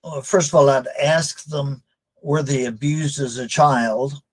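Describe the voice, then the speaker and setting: An older man speaks slowly and deliberately, pausing on fillers as he explains his counseling work. His pitch sits in an ordinary middle range. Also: steady tone, slightly rough, poor audio. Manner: slow, measured, hesitant with fillers. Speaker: deliverance counselor guest. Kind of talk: interview answers.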